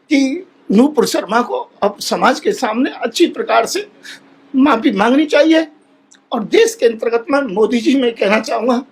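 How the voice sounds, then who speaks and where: Brief: male holy man as debate guest, husky high voice, passionate and pleading, repeats his points. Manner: impassioned, pleading, repeats himself. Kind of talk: heated televised debate.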